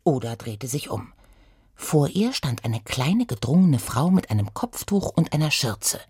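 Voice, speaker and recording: A woman narrating a children's detective story in a lively storytelling manner, close and dry. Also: very deep voice, unhurried, breathy edge, no room sound.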